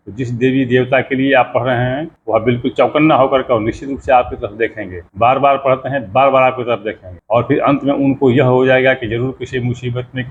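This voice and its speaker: A man's voice: mid-range voice, highs cut off, slight background noise. Hindi-speaking man teaching mantra pronunciation. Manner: patient, repeats words slowly to demonstrate sounds. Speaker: astrology teacher. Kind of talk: explanatory talk on mantra pronunciation.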